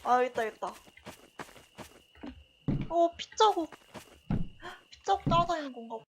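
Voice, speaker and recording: A young woman in casual gaming chat as she plays a horror game, bossy, teasing and excitable. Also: high-pitched, moderate pace, a little hiss or hum. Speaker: gamer playing a co-op horror game.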